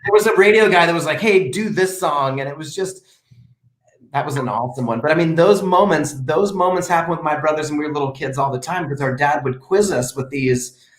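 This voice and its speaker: An animated man tells stories in casual chat, breaking off and restarting his sentences as he goes. His voice sits a little high for a man, and it rings in an echoey room. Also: a little fast. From United States. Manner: animated storyteller, restarts often. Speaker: performer and show host.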